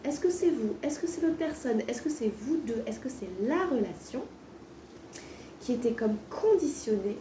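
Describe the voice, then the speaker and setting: High, slightly hoarse woman with swollen-tonsils voice. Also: animated, moderate pace. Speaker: tarot card reader, host. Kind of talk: casual spoken tarot reading. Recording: roomy echo, distant mic, faint noise.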